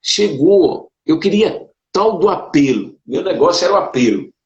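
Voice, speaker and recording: A man, a Brazilian pastor, telling his conversion story in a casual conversation, animated and emotional, with sudden leaps up in pitch. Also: moderate pace. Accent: Brazilian Portuguese. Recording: dull roomy sound.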